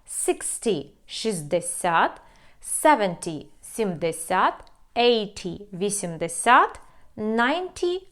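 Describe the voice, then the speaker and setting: A woman teacher explains a lesson in an unhurried, deliberate way, her pitch moving up and down a lot as she stresses each word. She drills single English words one at a time, clearly and carefully. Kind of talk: online language lesson.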